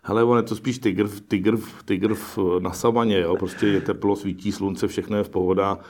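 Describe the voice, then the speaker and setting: A very deep-voiced, middle-aged man discusses his career as an investor in an interview, keeping his delivery flat and steady. He muses in a pragmatic way, frequently cutting off and restarting his thoughts, while faint hiss or hum sits under the recording.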